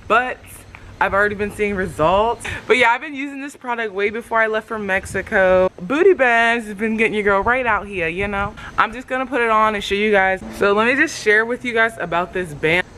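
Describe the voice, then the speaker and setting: A young woman vlogging casually about a fitness product, chatty and full of slang as she talks straight to her viewers. Her voice is bright and forceful at a middling pitch, with a faint hiss of noise underneath. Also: a little fast, poor audio. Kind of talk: casual product-review vlog.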